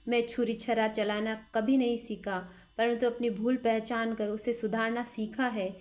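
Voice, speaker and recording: A woman voicing a calm, stern young man who refuses firmly in an even tone. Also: on the high side, a little slow, close to an everyday voice. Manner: calm and firm.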